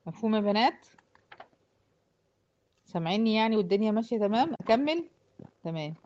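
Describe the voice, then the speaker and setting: A woman's voice: mid-range voice, expressive, fast talker, darkish tone, highs cut off, a little hiss or hum. A woman with an Egyptian accent teaching a class, explaining step by step and often checking that her students follow. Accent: Egyptian Arabic. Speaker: Quran recitation teacher. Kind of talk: explanatory lesson to a class of girls.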